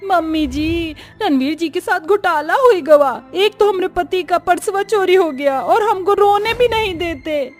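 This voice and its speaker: A woman voicing a scheming young bride with a Bhojpuri-tinged accent and shrill, theatrical wailing. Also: a little slow, few pauses, soft background music. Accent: Bhojpuri-tinged Hindi.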